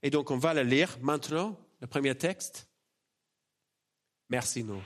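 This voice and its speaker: A man with an Australian accent in French, a native English speaker, preaching in an informal, self-deprecating and halting conversational way. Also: medium pitch, a bit bright. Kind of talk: sermon, conversational and personal.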